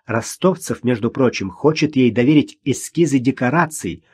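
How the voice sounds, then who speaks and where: A man voicing a gentle young screenwriter who speaks softly to calm a quarrel in an audiobook. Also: mid-range voice, normal speed, breathy edge. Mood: placating. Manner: soft, soothing, conciliatory. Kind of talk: audiobook character voice.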